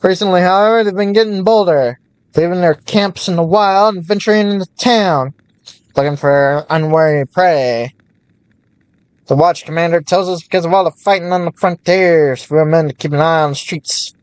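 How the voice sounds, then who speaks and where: A man's voice: high-pitched, normal speed, clear, resonant tone, no echo, lightly acted. A man voicing a secretive middle-aged male town merchant in an old-fashioned 1930s newscaster manner. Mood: confiding.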